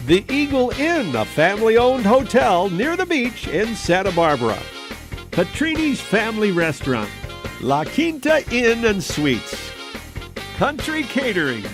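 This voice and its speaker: A man reading out the sponsor list in an upbeat announcer's voice. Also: very high-pitched. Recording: music bed under voice. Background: theme music.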